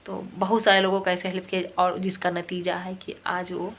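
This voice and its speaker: A woman's voice: fairly low pitch, completely flat delivery, normal speed. A middle-aged woman with a cold, chatting in her home kitchen and retelling a story in a casual home vlog. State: has a cold. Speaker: vlogger.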